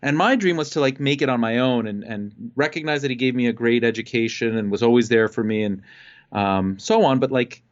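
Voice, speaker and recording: Relaxed and full of pauses and filler words, a Costa Rican entrepreneur appearing as a guest recounts his life story. His pitch is medium, and the audio is muffled.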